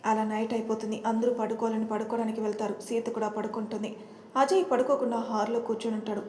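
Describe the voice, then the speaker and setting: A woman narrating a story in a steady, even storytelling manner, in a roomy, echoey recording with faint noise. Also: on the high side, fast.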